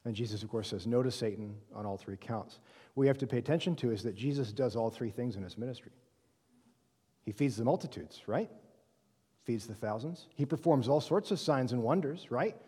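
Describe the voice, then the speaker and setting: Mellow-voiced man teaching in a reverberant hall. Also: mid-range voice, a little fast, slightly rough. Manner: conversational, checks in with "right?" and "okay?"; frequent "um" fillers and self-corrections. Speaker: Bible study teacher. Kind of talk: classroom lecture. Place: reverberant room with a live group. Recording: long room reverb.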